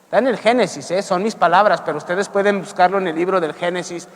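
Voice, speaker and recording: A priest giving an emphatic Bible-teaching sermon, putting rhetorical questions to his congregation and slowing down to stress key words. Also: sits high, long reverb tail, a little hiss or hum. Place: church sanctuary.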